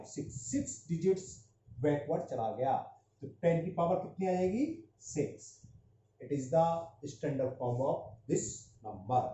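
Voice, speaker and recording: A man teaching a maths lesson, with a fairly high voice that is very dark and mellow in tone. He explains each step patiently and drags out the key terms. The room echoes, and the recording sounds dull and a bit muffled over a faint hiss. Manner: explains step by step, mixing Hindi with English terms and drawing out key words slowly. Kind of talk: classroom-style math lesson.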